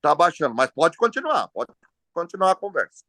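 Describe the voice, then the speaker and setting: A man's voice: a little high, brisk, dry recording, clean studio sound. A man being interviewed as an entrepreneur, talking casually over a call and telling stories with many hesitations and restarts. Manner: relaxed, storytelling with frequent hesitations. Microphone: phone or video call.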